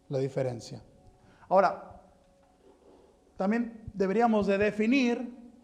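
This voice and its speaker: A man with a Mexican accent preaching a sermon in a church, animated and full of rhetorical questions and joking asides. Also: high-pitched. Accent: Mexican Spanish.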